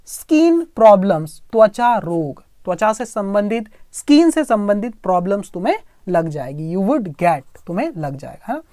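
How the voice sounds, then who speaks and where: Slow, patient woman teaching English. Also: a little high, darkish tone, no echo, clean studio sound. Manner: slow, patient, repeats and spells out words. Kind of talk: explaining an English story in Hindi, line by line.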